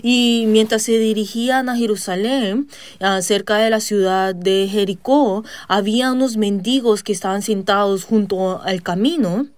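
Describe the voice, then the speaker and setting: A woman preaching a sermon. She retells a Bible story at a measured pace, pausing often to hesitate and asking her listeners questions. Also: medium pitch, no room sound. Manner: measured, with frequent hesitant pauses.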